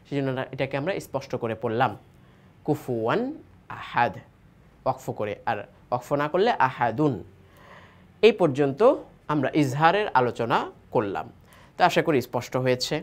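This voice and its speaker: Bangladeshi guy teaching quran reading, spells letters then stretches the words out slow, asks himself questions. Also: mid-range voice. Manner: asks rhetorical questions and answers them himself. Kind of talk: tajweed lesson, spelling and reading aloud.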